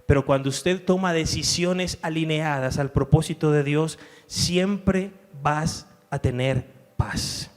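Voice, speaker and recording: A man's voice: fairly high pitch, slow pace. A man preaching a sermon as pastor, emphatic, acting out the inner voices he describes. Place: church.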